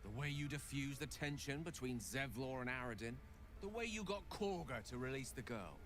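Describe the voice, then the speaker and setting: A man's voice: medium pitch, lively intonation, moderate pace, fairly bright tone, natural voice. A man playing a courteous, wordy and slightly showy wizard companion in a video game. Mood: courteous, earnest. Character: genteel, chatty wizard companion, showy and flattering.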